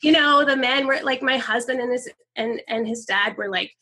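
A middle-aged woman, a podcast guest, telling a personal story in candid conversation, animated and full of "like" fillers, swearing freely. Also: on the high side, moderate pace, husky.

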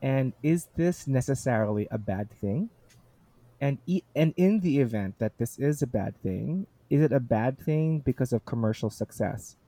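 A man's voice: medium pitch, expressive, moderate pace, warm tone, dry recording. A man hosting a book discussion, articulate and enthusiastic, who also reads passages aloud.

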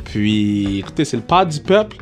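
A man's voice: lowish voice, sing-song, normal speed, faint music behind. A young man with a Quebec French accent hosting a casual podcast, hyped and playful, dropping English slang into his French. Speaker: podcast host.

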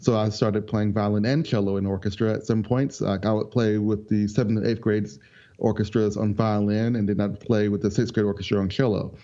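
Guesting on a casual interview, a young North Carolina musician who plays several instruments talks in a low-ish, mellow voice. He meanders easily, peppering his speech with ums and brief laughter, and the recording is muffled and lo-fi.

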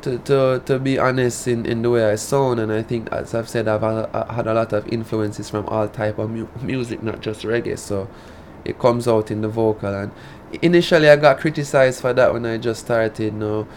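Speaking in a steady, slightly mellow tone on the low side, a Saint Elizabeth man talks at normal speed with few pauses. His Jamaican accent and rural drawl mark him as a Patois-speaking artist being casually interviewed. Some faint background noise is present.

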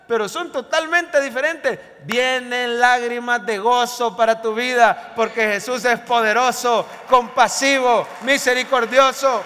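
A man's voice: very high voice, sharp tone, a little hiss or hum. A man preaching an emphatic live sermon as pastor, leading the congregation to repeat phrases after him. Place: church service, recorded live. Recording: long church hall reverb.

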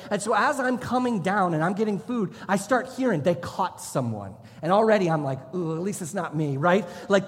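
Guy in his 30s preaching, kinda high voice, long echo in the church hall. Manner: storytelling, shouts when acting out a drill instructor. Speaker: pastor. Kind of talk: sermon.

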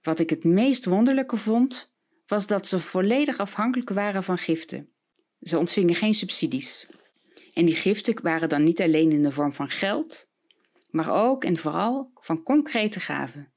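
A woman's voice: lowish voice, animated, moderate pace, a little mellow. A woman from the Netherlands sharing a personal story as a reflection on a Bible passage, in a conversational way.

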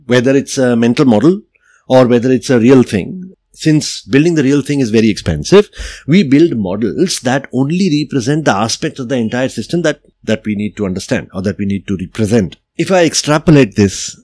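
A man's voice: medium pitch, expressive, brisk, darkish tone, no room sound, clean studio sound. A middle-aged man hosting a solo podcast, explaining ideas in a reflective, conversational way and often checking in with "right?" and "you know.". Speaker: podcast host.

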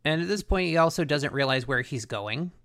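A man's voice: a little high, lively intonation, brisk, a bit bright. A man co-hosting a podcast, casually retelling a cartoon episode in a conversational way. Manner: conversational, story-telling with paraphrased dialogue. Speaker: podcast co-host.

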